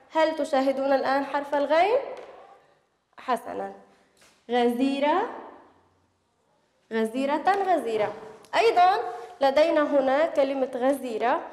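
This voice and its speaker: A woman teacher leads young children through their letters, stretching each sound out slowly and patiently. Her voice sits high. The recording rings with a long, roomy echo. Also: a little mellow. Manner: slow, drawn-out spelling of sounds. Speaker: first-grade Arabic teacher. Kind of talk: children's reading lesson.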